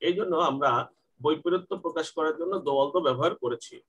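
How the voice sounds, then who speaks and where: A man teaching English grammar in Bengali, asking questions and answering them himself, and reading English example sentences slowly. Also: fairly high pitch, a bit bright, breathy edge, rough recording.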